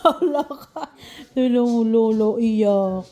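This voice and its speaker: High, slow, coaxing woman filming a toddler. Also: mellow. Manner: playful coaxing sing-song to a small child. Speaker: family member filming a toddler. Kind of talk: casual home video.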